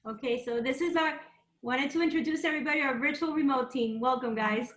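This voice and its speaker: A woman's voice: high voice, fairly quick, heavy background noise. A woman presenting a live webinar in a loose, conversational way, with frequent ums and asides. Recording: roomy echo.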